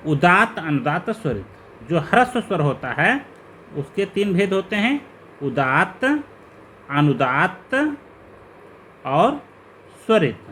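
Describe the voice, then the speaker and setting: A male teacher gives a slow, step-by-step lecture on grammar, going through terms one after another. His voice sits high and moves a lot, rising on each question. A faint hiss runs behind him. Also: big pitch swings, fairly bright tone. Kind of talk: classroom lecture explaining grammar.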